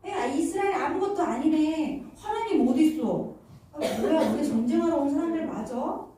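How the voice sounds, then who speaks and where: A woman's voice: high voice, animated, moderate pace, warm tone, a little hiss or hum. A woman voicing jeering enemy townspeople who mock and tease in a children's Bible story. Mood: taunting. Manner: mocking, teasing. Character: jeering enemy city dwellers taunting. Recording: echoey room from far off.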